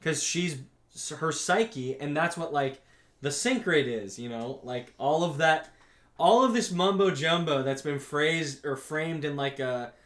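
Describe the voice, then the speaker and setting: A man's voice: on the high side, lively intonation, a bit bright. Rambling man in an echoey room. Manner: rambling, lots of restarts and swearing; acts out characters' lines in quick asides. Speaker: podcast co-host. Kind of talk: casual podcast chat about anime. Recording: roomy echo.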